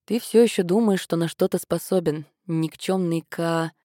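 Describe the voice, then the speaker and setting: A cruel older marquess from a storybook who sneers and mocks in every word. His voice is low and mellow, as a woman narrator puts him on. It comes through dry and close. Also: normal speed, no echo, natural voice. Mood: sneering. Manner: mocking, sneering.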